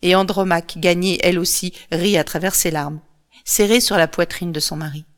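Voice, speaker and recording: Calm woman narrating a storybook. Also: on the low side, moderate pace.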